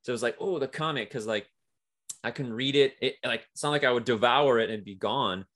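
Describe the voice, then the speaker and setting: A man's voice: medium pitch, fairly quick, a bit bright. A man guesting on an interview, talking about his work as a comic writer in a casual, rambling way with many fillers. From Mexico–US border region.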